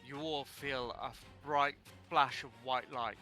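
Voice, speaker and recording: A man running a tabletop game as dungeon master on a live stream, narrating deliberately and often correcting himself as he goes. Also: mid-range voice, steady tone, bright, forceful tone, soft background music. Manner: slow, deliberate narration with restarts and self-corrections.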